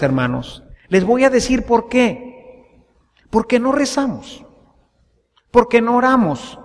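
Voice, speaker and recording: A male priest preaching a sermon, asking the congregation questions and repeating phrases. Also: extremely high pitch. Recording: long reverb in a large church.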